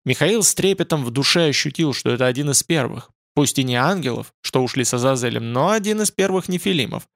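A man's voice: medium pitch, expressive, fast, hardly any pauses, no room sound, studio quality. Man narrating a fantasy audiobook.

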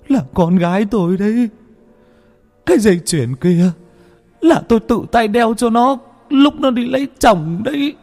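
A man's voice: high-pitched, a little mellow, voice pushed up, heavily acted. A trembling older father talks through tears in a raised, shaky voice, put on by a male narrator. His words come heavy and broken with grief. Faint music plays underneath the spoken story. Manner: tearful, shaky pleading. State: crying. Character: trembling grieving elderly father.

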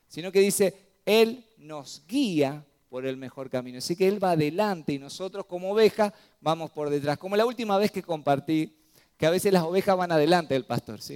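Rioplatense male pastor, smooth resonant voice, slightly high, sermon to a congregation. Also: darkish tone. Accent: Rioplatense Spanish. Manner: asks the congregation frequent rhetorical questions, checks with "¿sí?". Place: church.

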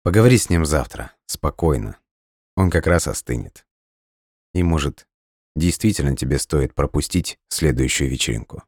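Male narrator as a composed young man for an audiobook, measured and direct, very deep, dry. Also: expressive, a little mellow, husky, no echo, heavily acted. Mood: reassuring.

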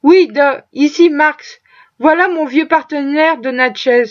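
A woman's voice: high voice, takes it slowly, no room sound. A woman voicing Tom Locker, a hulking, brutish man who growls curtly, on a dull lo-fi recording. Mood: gruff. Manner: growling, curt.

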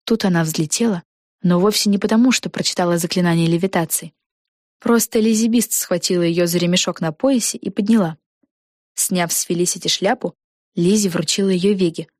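A woman narrating a children's fantasy audiobook in a lively, expressive way. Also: lowish voice, brisk, no room sound, clean studio sound. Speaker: audiobook reader. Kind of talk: storybook narration.

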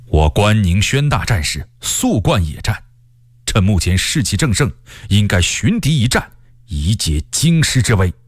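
A man's voice: lowish voice, big pitch swings, a little slow, breathy edge, dry recording, exaggerated voice. A man voicing a proud, stubborn male army commander who speaks in a stern, scornful way. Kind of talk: storytelling character voice.

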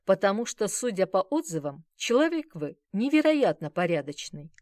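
A woman's voice: mid-range voice, big pitch swings, moderate pace, a little mellow, no room sound, close to an everyday voice. Brief: woman voicing a formal, grateful older-sounding man, earnest and polite, close dry read. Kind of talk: audiobook reading.

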